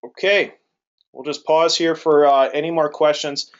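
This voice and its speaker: A man's voice: fairly high pitch, little pitch movement, measured pace. A man hosting a live webinar as moderator, speaking in an informal, loosely worded way. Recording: dull lo-fi audio.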